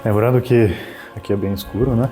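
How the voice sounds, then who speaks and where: A man's voice: lowish voice, steady tone, fairly quick, over music. A Brazilian man with a Brazilian Portuguese accent, chatting through a travel vlog, explaining facts and cracking jokes as he drives a mountain road and tours outdoors. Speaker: travel vlogger. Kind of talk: casual travel vlog narration. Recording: distant mic with loud road and outdoor noise. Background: car and outdoor ambience.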